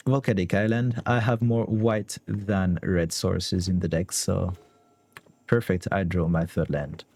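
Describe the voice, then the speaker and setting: A man's voice: sits low, mellow, no room sound. A young man with a French accent, a card game streamer thinking aloud through his plays, weighing options and often laughing. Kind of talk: thinking aloud while playing online.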